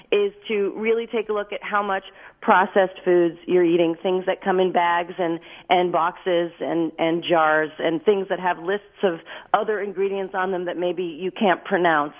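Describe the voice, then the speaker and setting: A female expert guest speaks over a narrow phone line. Her pitch is average for a woman. She explains conversationally and informally, sometimes doubling back on her words. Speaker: naturopathic physician, radio guest.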